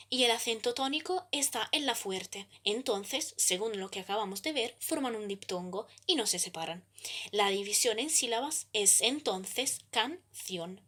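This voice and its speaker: A woman reading a scripted grammar explanation as a student presenter, measured and steady, slowing down to spell out each example. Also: fairly high pitch.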